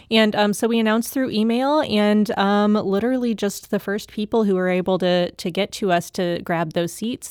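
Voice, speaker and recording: A woman's voice: fairly low pitch, smooth, dry recording, clean studio sound. A woman guest on a radio interview, talking casually and hesitantly with many fillers. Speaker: guest, home supper club host. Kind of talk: studio interview. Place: radio studio.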